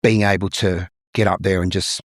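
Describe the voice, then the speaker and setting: A man's voice: low-pitched, level tone, moderate pace, no echo, studio quality. A man with an Australian accent, a musical theatre performer and vocal coach, telling anecdotes in a casual interview with frequent restarts and repeated words.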